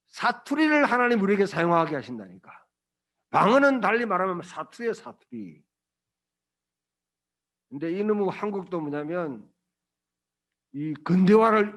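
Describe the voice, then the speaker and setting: A male pastor preaching a Sunday sermon, emphatic and colloquial, with blunt asides and rhetorical questions to the congregation. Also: high-pitched.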